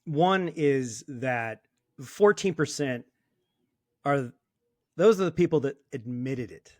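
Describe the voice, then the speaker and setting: This is a sober coach in his fifties, a guest in a casual interview who talks bluntly and emphatically and swears now and then. His medium-pitched voice is expressive and slow. The studio sound is clean, with no room noise.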